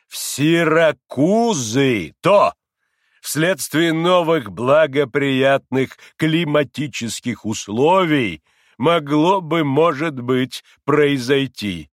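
A man reading aloud and voicing a haughty, impatient doctor who speaks slowly and pompously, hammering every syllable. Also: a little high, lively intonation, dry recording, studio quality, pitched above the performer's own voice. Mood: condescending. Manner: clipped, pompous, stressing each syllable. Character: haughty impatient middle-aged male doctor.

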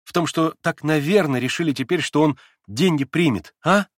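A man reading an audiobook, voicing an emotional, shy and teasing teenage girl who swings quickly between moods. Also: fairly high pitch, dry recording, studio quality, voice pushed up, natural voice. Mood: agitated.

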